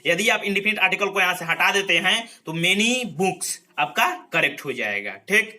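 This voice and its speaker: A man with a high, very bright and piercing voice runs an exam-prep grammar lesson. He drills each rule and checks in with his students after almost every point. His delivery is explanatory and repetitive. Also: animated, normal speed. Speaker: English grammar teacher. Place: recorded lesson video.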